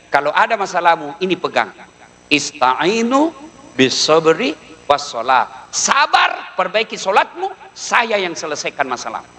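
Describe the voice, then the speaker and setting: A man with a lilt delivers a comic sermon in a very high, bright, forceful voice. His pitch swings widely as he jokes and mimics others. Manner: animated, mimics widows and wives in a low voice, sings snatches. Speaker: preacher.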